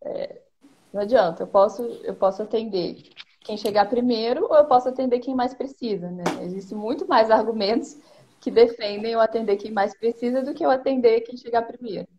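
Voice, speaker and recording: A woman's voice: a little high, brisk, warm tone, a little hiss or hum. Brazilian woman explaining policy over lo-fi stream. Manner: methodical, lays out points one by one. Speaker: education policy consultant, guest. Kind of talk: explanatory live-stream conversation. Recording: dull lo-fi stream audio.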